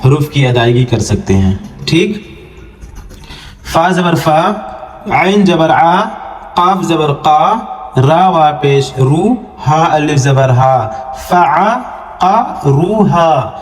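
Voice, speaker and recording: A man teaching Arabic letter reading for the Quran, spelling out each letter and vowel, then stretching the syllables slowly before quick, low spoken explanations of the rules. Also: a little mellow, roomy sound. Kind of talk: online Quran reading lesson.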